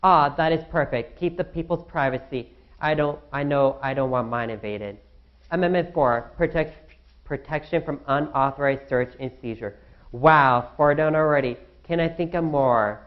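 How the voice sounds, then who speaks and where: A man's voice: fairly high pitch, normal speed, lo-fi sound, lightly acted. A young man playing an anxious founding father in a student skit, fretting aloud to himself. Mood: worried musing. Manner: fretful, talks to himself.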